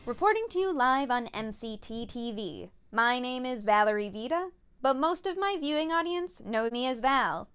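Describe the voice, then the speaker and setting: A woman's voice: a little high, lively intonation, moderate pace, a bit bright. A woman playing a chipper female TV news anchor with a formal newscaster delivery in a comedy sketch. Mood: announcing.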